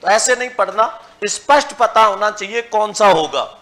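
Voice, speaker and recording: Teaching Hindi grammar in a classroom lecture, a man speaks in a high-pitched, somewhat bright voice. He quizzes the class and leads them in repeating lists, drilling them slowly syllable by syllable.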